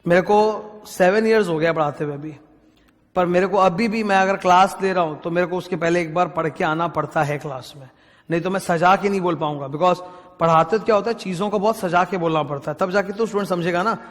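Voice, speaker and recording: A man, teaching a class. He dictates definitions slowly and keeps checking that students understand. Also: high-pitched, in a large hall. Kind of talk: lecture.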